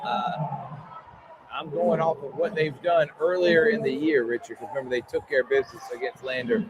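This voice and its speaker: A man hosting a sports show with conversational commentary, leaning emphatically on key words. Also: mid-range voice. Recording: very noisy outdoor ambience.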